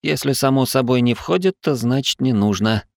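A man's voice: medium pitch, expressive, moderate pace, creaky, no echo, voice pushed up. A man voicing a dry-witted companion. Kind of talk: audiobook character voice.

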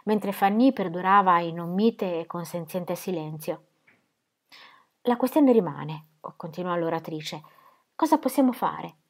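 A woman reading a novel aloud, lifting her voice for the characters' dialogue and dropping it low for the speech tags. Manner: lifts pitch and volume for quoted dialogue, drops low for speech tags. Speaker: reader of a novel.

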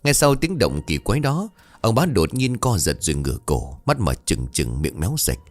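A man reading a ghost story aloud as a scripted narration, dramatic and expressive. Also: deep voice, normal speed, no room sound.

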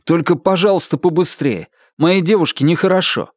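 A man's voice: on the high side, moderate pace, no room sound, clean studio sound, voice pushed up, lightly acted. A man voicing a worried, devoted young man who speaks urgently and pleadingly.

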